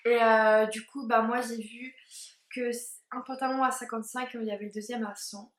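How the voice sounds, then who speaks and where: A young woman talks through her shopping haul in a loose, chatty way, stopping often for fillers. Her voice sits a little high, and the room gives it a noticeable echo. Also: steady tone, fairly quick, slight background noise. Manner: chatty, hesitant, many fillers. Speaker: vlogger. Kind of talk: casual haul video chat. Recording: echoey room.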